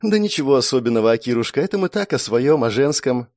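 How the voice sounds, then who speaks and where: A man doing a caring, fussy older woman in a storybook reading, voice only slightly raised from his own and expressive. She speaks softly and turns briefly stern. Dry, close recording. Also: medium pitch, brisk, breathy edge, no echo, voice pushed up.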